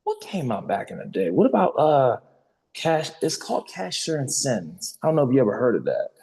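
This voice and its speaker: A man's voice: medium pitch, huge pitch swings, a little fast, creaky, mellow, slightly rough. A young adult man hosting a podcast in casual, informal chat, often repeating words as he argues and recommends things. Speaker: podcast host. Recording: long reverberant room echo.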